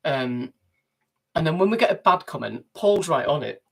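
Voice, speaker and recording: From inside a narrowboat, a vlogger with a Mancunian accent chats easygoingly on a casual livestream. His voice is on the high side, expressive and creaky, at a moderate pace.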